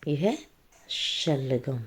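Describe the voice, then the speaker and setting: A woman's voice: extremely low pitch, expressive, slight background noise. A woman teaching young children to read, talking patiently through a worksheet and checking in often with the listener. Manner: slow, patient explaining with frequent check-ins. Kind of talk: children's reading lesson.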